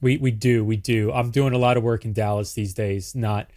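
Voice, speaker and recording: A man's voice: on the low side, fairly even intonation, moderate pace, darkish tone. A man hosting a podcast, chatting casually and rambling with many restarts and repeated words. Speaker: podcast host. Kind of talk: casual interview chat.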